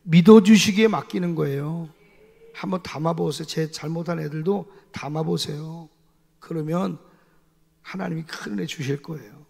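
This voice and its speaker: A male pastor voicing his wife as a gentle, comforting woman who quietly reassures her husband. He speaks softly and in a hushed tone, a little lower and quieter than his usual voice. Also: normal speed, gravelly, long reverb tail. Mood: consoling.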